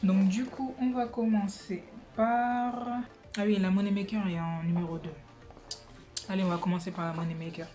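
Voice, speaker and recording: A woman's voice: on the low side, steady tone, brisk, mellow, faint music behind. A young woman chatting casually in her living room during a wig try-on vlog, hesitant and full of fillers and restarts. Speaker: beauty vlogger.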